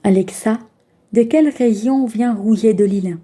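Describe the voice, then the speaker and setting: A woman's voice: a little high, normal speed, dark tone. A woman vlogger in casual chat, giving spoken commands and chatty asides, with some stumbles. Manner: chatty, stumbling, talking to a device.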